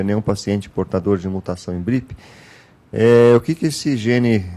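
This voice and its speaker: Um homem com sotaque brasileiro que modera uma reunião clínica online, com fala pausada e muitos "né?". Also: male voice, on the low side, mellow. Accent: Brazilian Portuguese. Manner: measured, frequent "né?" tags. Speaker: meeting moderator. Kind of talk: online clinical case meeting.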